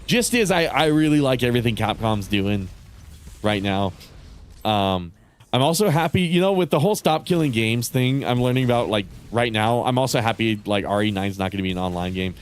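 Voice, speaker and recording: A man of medium pitch talks fairly quickly with lively intonation as he streams a game, some slight background noise audible. His casual, rambling chat sounds congested and nasal, full of swearing and laughter between thoughts.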